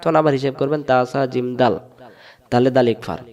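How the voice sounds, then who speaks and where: A man's voice: mid-range voice, fairly even intonation, fairly quick, darkish tone. A man teaching a step-by-step online Quran recitation lesson in Bangladeshi Bengali, patiently repeating rules and asking and answering his own questions.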